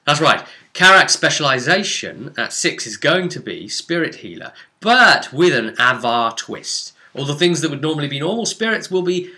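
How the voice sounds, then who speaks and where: Speaking as the game master, a man narrates his tabletop session informally and with plenty of dramatic emphasis. His slightly high voice is sing-song and sharp, with a moderate pace and few pauses.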